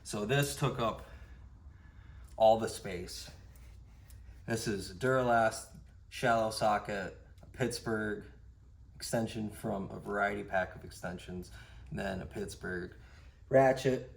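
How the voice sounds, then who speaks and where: A man giving a casual how-to walkthrough while working on a car engine, explaining each step in a plain, low-key way. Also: takes it slowly, gravelly, long pauses. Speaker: DIY car repair presenter.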